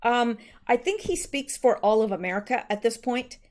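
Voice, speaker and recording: A woman's voice: a little high, normal speed, darkish tone. A woman hosting her own channel, casually reading out posts and commenting on them in a loose, conversational way with frequent ums and self-corrections. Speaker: channel host.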